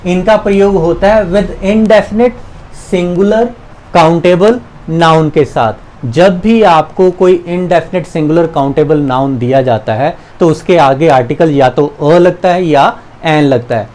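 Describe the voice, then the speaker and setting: A man's voice: on the high side, slow pace, a little mellow, low-quality recording. A man teaching English grammar, patiently walking through examples and quizzing the viewer. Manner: patient, repeats examples and asks questions. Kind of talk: explanatory lesson.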